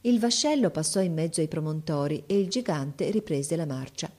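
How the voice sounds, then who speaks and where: Woman reading a storybook out loud, kinda low voice, steady and expressive. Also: normal speed. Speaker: narrator. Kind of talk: storybook narration.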